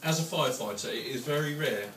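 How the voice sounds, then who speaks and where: A man's voice: a little high, fast talker, fairly bright tone. Young British man's echoey, distant wedding toast speech. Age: young adult. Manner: dry, joking delivery to guests. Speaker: best man at his father's wedding. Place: large room with wedding guests. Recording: echoey, noisy room, distant microphone.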